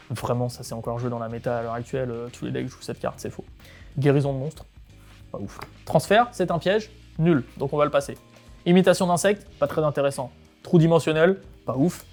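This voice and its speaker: A man reviewing trading cards one by one in casual, informal commentary, giving quick snap verdicts. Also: medium pitch, darkish tone, soft background music.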